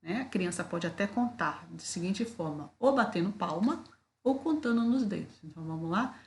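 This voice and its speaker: A woman teaching a recorded video lesson, speaking slowly and deliberately, with frequent fillers and rhetorical questions. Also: medium pitch, lively intonation, a little mellow, slight background noise.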